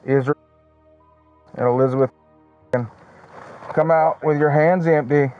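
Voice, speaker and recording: Man commanding through a police loudspeaker. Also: on the high side, fairly even intonation, narrow, tinny audio, faint music behind. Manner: firm, slow commands to come out. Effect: through a police car loudspeaker. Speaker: police officer.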